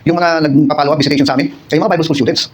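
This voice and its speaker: A man's voice: a little high, steady tone, racing. A middle-aged Filipino man preaching a conversational midweek sermon, asking his congregation rhetorical questions and telling personal stories. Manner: personal storytelling with acted quotes. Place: church service.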